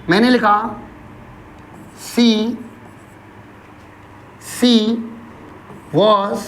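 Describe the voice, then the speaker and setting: A man's voice: high voice, a little hiss or hum. Man quizzing his class and answering himself. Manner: asks questions and answers them himself, calls listeners brother; dictates example sentences slowly word by word. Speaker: English grammar tutor. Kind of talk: classroom lesson with rhetorical questions.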